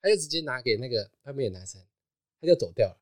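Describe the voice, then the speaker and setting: A man, hosting a podcast and telling a story in a casual, animated chat, laughing often. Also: mid-range voice, rapid-fire, no room sound, studio quality. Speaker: podcast host.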